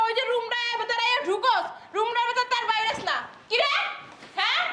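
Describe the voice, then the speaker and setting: A woman's voice: extremely high pitch, sharp tone, a little hiss or hum. A woman playing a nagging older mother-in-law in a comedy skit, firing off scolding rhetorical questions and tagging each with "haan?".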